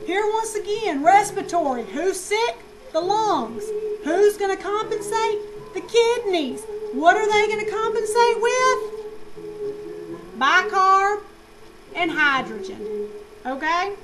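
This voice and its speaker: A woman teaching nursing students in a lively, slangy lecture, asking questions and answering them herself. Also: extremely high pitch, slow, background noise. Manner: animated, slangy, asks and answers own questions.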